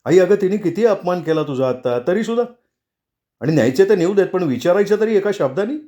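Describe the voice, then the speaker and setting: A man's voice: on the high side, expressive, moderate pace, mellow, pitched above the performer's own voice, lightly acted. A man voicing an angry adult son who snaps at his wife in a storybook reading. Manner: heated, raised voice.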